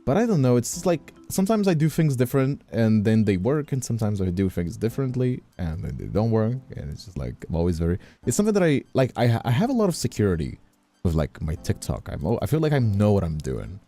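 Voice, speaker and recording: With soft music in the background, a streamer and voice actor chats candidly and rambles, often repeating his words. His fairly low voice is mellow and sing-song, and he talks fast.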